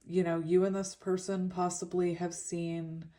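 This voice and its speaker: A woman with a fairly low, soft-edged and mellow voice talks through a tarot reading. Her s sounds come out slushy, with a lisp from a retainer. She is informal and reflective, wandering from thought to thought. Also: little pitch movement, unhurried. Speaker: tarot reader. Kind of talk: casual pick-a-card tarot reading.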